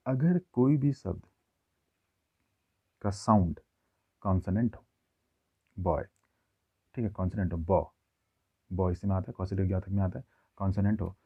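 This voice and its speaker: Gravelly-voiced man teaching a lesson. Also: sits low. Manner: explains slowly, checks in with listeners often. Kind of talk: classroom grammar lesson. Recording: tinny phone-like audio.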